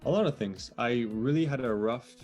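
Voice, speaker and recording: A young man born in the US and raised in France, now a digital nomad, is interviewed as a guest over a video call, with soft music playing in the background. His mid-range, slightly mellow voice moves a little fast, hesitant and full of fillers and restarts.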